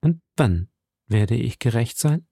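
A scheming noble lady who speaks coolly and probes with measured questions, voiced by a man in his own gravelly register. The recording is dry and close, with no room around it, as in a studio audiobook. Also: mid-range voice, animated, mellow, no echo, heavily acted. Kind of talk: audiobook character reading.

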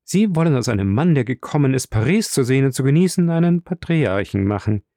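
A man reading the part of a lively, teasing young nobleman with animated, exclaiming lines in an audiobook. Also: mid-range voice, brisk, dry recording, clean studio sound, voice pushed up.

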